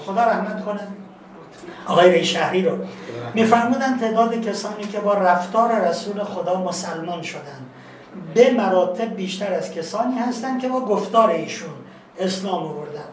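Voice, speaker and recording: A man giving a lecture as a guest teacher, telling a story in an animated storyteller's manner. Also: high-pitched. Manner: animated storyteller, acts out voices. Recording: echoey room, distant mic, faint ambience.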